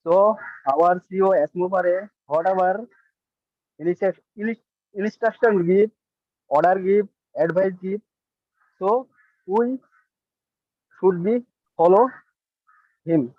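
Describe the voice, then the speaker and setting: Halting high-voiced man on a call. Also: no room sound. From Bangladesh. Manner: speaks in short broken phrases. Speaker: webinar caller. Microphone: video call. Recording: dull lo-fi dry call audio.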